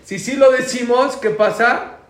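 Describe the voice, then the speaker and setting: A man with a very high-pitched voice teaches a prayer class at a measured pace, with crowd noise audible. He explains points, quizzes the class with lively questions, and repeats key points loudly. The room is echoey, with faint background noise.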